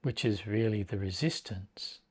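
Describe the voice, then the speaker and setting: In a lowish, slightly rough voice, a man teaches a guided meditation. He delivers short phrases deliberately, pausing at length between them.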